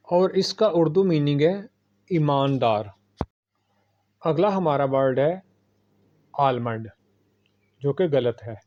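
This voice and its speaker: A man teaching English pronunciation in a scripted vocabulary lesson, speaking slowly and deliberately and repeating each word for the listener. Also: fairly high pitch. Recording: dull, lo-fi recording.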